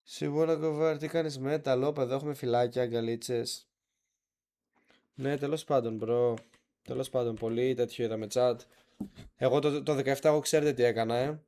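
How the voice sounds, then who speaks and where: A man's voice: medium pitch, steady tone, dark tone. A man streaming live, reacting to clips in a laid-back, slangy way, chatting to his viewers. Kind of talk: casual live-stream chat.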